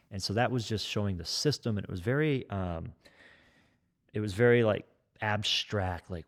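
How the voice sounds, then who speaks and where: Here the same kind of speaker, a kettlebell trainer and fitness educator in his forties, sounds fairly low-pitched and a little mellow despite his nasal voice. Chatting casually on a podcast, he talks a lot, jokes around, and over-explains every point.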